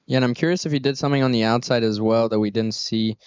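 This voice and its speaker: Smooth-voiced man commentating on surfing. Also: medium pitch, fairly even intonation, fast talker, no room sound, highs cut off. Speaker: surf contest commentator. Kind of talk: live sports commentary.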